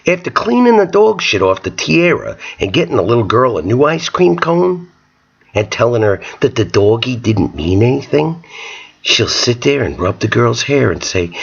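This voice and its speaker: A man doing a profane stand-up comedy rant, jumping into shrill voices to act out characters. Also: sing-song, normal speed, vocal fry, breathy edge, lo-fi sound. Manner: profane, ranting, acts out characters in sudden high voices.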